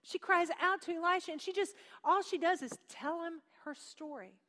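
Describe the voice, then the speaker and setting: A woman preaches a sermon in a high, bright-toned voice, telling a story and then pressing her point with fervor. Her voice carries a long reverb from a large hall around her. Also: normal speed. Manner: storytelling, rising to impassioned exhortation. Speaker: pastor.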